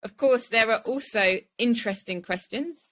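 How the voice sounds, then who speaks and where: A woman's voice: fairly high pitch, normal speed, a bit bright, rough recording. A woman hosting a podcast, welcoming and interviewing guests. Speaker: podcast host.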